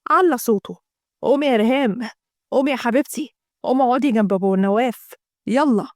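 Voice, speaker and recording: A woman's voice: a little high, quick pace, a little mellow, dry recording, clean studio sound, close to an everyday voice. A woman voicing a scheming young businessman with an Egyptian accent, talking in pushy, condescending sweet talk. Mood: smug. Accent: Egyptian Arabic.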